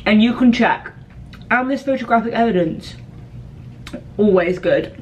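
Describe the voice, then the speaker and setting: A woman's voice: fairly high pitch, unhurried, a little mellow, slight background noise. A young woman chatting casually to camera in a vlog, self-deprecating and friendly. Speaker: vlogger. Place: small bathroom at night.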